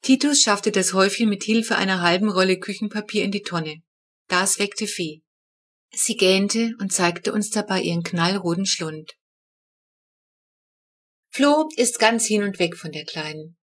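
Female narrator for a kids' audiobook, lively, clear delivery. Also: medium pitch, a little slow. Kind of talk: scripted narration.

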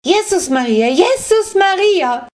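Woman reader as a shrill old lady, high wailing voice, slow drawn-out cries, storybook figure. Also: animated, a bit bright, heavily acted. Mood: shrieking. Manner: shrieking, wailing. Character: shrill old woman neighbor, easily upset. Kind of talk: audiobook character voice.

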